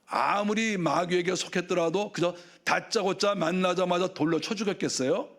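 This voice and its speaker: A man's voice: high voice, moderate pace, a bit bright. A male pastor preaching a sermon in a conversational way, full of rhetorical questions.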